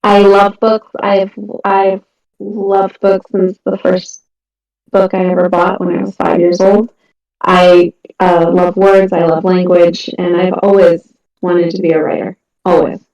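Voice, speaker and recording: Over a voice call from home, a middle-aged woman who writes independently discusses her work earnestly and casually, full of ums and restarts. Her fairly low voice is level, a little slow, and a little mellow. Her computer mic makes it sound echoey, distant, and muffled.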